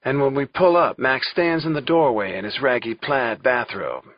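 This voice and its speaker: A man's voice: mid-range voice, normal speed, no echo. A man narrating a first-person suspense audiobook in a wry, conversational way. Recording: dull lo-fi recording.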